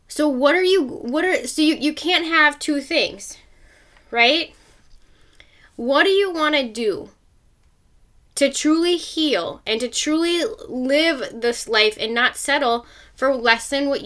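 Woman, podcast host, motivational monologue, blunt and challenging, bright tone. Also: high-pitched. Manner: blunt, challenging, rhetorical questions.

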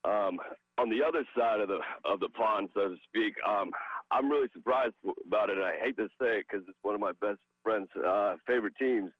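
Caller guy from russia, low voice, bit of a cold, kinda hesitant, dull phone sound. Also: brisk, husky, no room sound. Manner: casual, hesitant, many fillers. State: has a cold. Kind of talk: radio call-in. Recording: muffled phone line.

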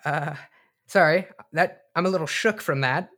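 A man co-hosts a comedic radio drama, voicing an excitable, foul-mouthed bunker leader who tinkers with things. His delivery is casual and hesitant, his voice a little high, and he talks at a normal speed.

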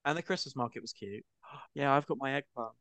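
Young guy guesting on a podcast, medium pitch, dry close mic, playful banter. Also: fairly quick, fairly bright tone, dry recording. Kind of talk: casual chat.

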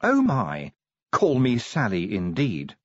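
A man voicing a young woman sergeant who is a werewolf, talking bluntly and briskly in an audiobook reading. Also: mid-range voice, huge pitch swings, no room sound, heavily acted. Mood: brusque. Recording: dry, slightly dull audiobook recording.

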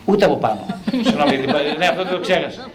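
Animated, high-voiced male psychotherapist. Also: a crowd in the background. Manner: animated, asks himself rhetorical questions, very colloquial. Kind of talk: talk on self-knowledge.

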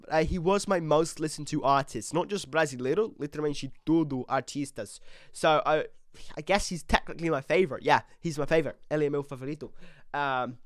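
An excitable young man hosts his own podcast, dropping in clumsy Portuguese as he goes. His pitch swings widely between words, and the recording is close and dry with no room sound. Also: no echo. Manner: excitable, mixes broken Portuguese into English. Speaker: podcast host. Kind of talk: casual solo podcast chat. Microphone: desk mic on camera.

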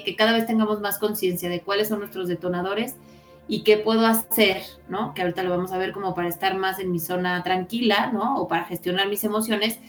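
A woman's voice: mid-range voice, a bit bright, reverberant. A woman psychologist, explaining in casual podcast talk and often ending her points with "¿no?". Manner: explanatory, frequent "¿no?" tags. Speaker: psychologist guest.

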